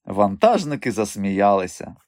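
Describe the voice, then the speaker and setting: Man, audiobook narration, lively varied pitch, dry close sound. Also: a little slow, no echo. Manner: expressive, storytelling. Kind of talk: scripted narration.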